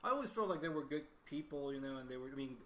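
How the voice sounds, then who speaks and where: A man's voice: medium pitch, expressive, rapid-fire, pushed and bright. Casual chatting man in a roomy space. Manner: laughs often, hesitant with fillers. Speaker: podcast host. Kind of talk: casual chat. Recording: roomy, faint ambient noise.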